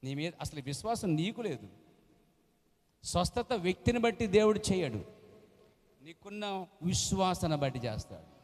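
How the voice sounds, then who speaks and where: Pastor, male, high voice, sermon delivery with big dynamic swings, long hall echo. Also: sing-song, normal speed, long pauses. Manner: swings from low asides to shouted acted-out quotes. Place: church hall.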